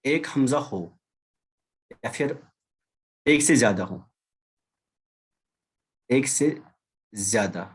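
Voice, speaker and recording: A man's voice: medium pitch, animated, extremely slow, long pauses, breathy edge. A man gives an Arabic lesson over a video call. He explains patiently, repeats each key term and slips English words into his sentences. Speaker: Arabic teacher. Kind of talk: online class lecture.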